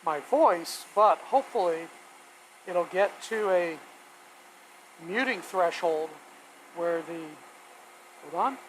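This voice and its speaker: Slow and given to long pauses, a medium-pitched hobby woodworker rambles folksily on a live stream, thinking aloud as he works in his home shop. A shop vacuum runs the whole time, its steady noise sitting behind his voice on a low-quality recording.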